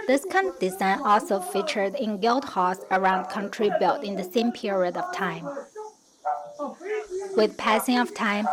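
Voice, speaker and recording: A woman from China narrating a travel vlog, explaining history and pronunciation in a steady teaching manner. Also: mid-range voice, poor audio. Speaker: travel vlogger. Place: outdoors in a riverside town.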